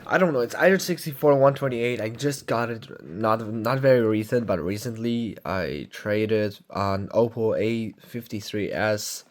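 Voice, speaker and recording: Rambling young man reviewing phones. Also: fairly low pitch. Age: young adult. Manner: rambling, halting, many fillers and self-corrections. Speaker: tech vlogger. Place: at home.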